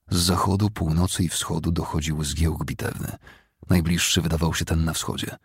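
A man reading a historical novel as an audiobook in a steady, measured way. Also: deep voice, gravelly, breathy edge, dry recording, clean studio sound. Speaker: narrator. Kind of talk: audiobook narration.

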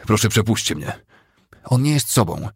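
A man's voice: on the low side, big pitch swings, very fast, darkish tone, slightly rough, dry recording, clean studio sound, pitched above the performer's own voice, full character voice. A man voicing a desperate wife who cries out and pleads in an audiobook. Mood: desperate pleading. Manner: crying out, pleading.

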